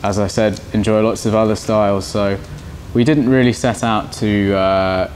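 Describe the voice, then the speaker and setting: A young man who plays guitar in a band answers slowly and haltingly, restarting his sentences often. His voice sits fairly low, and a faint background hiss runs under it. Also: steady tone, a little mellow. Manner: halting, many restarts and fillers. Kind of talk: casual interview answers.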